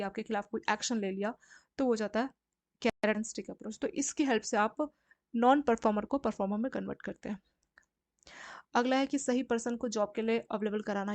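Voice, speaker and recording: A woman's voice: fairly high pitch, a little mellow, dry recording. A young woman tutoring for a banking exam, explaining HR and banking ideas in a conversational lecture and often checking in with her listeners. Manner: conversational, frequent filler checks.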